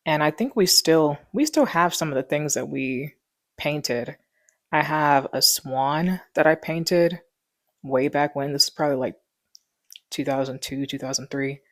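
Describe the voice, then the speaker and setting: Here a vlogger in her twenties sits in her living room and chats loosely, drifting from point to point with many fillers. Her low voice moves a little slowly, captured on a wireless clip mic without any echo.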